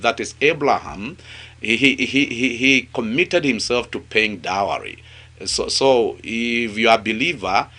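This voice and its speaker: A male preacher with a Kenyan accent and a very bright, forceful voice pitched a little low for a man. He delivers a teaching sermon emphatically, often restarting and repeating phrases to drive a point home.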